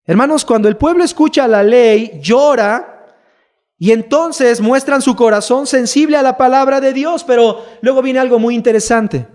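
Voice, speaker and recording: A man preaches a sermon in a church hall. His voice sits high, and he keeps asking his listeners rhetorical questions. The sound carries a long hall reverb. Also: normal speed, a little mellow. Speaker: pastor.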